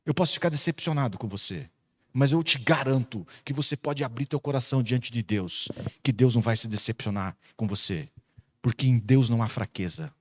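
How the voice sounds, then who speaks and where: A man with a Brazilian Portuguese accent preaching a sermon as pastor, swinging between loud emphatic peaks and quiet intimate asides. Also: medium pitch, brisk.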